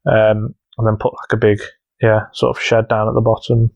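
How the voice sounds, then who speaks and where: A man's voice: on the low side, little pitch movement, normal speed, vocal fry, darkish tone, muffled recording. A man co-hosting a podcast in casual chat, rambling with lots of fillers and restarts. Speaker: podcast co-host.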